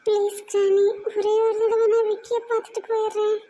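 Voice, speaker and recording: A woman's voice: extremely high pitch, level tone, a little fast, mellow. A woman voicing a frightened, tearful young bride in a cartoon, with a Kongu Tamil accent and a sobbing, pleading way of talking. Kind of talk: cartoon voice acting.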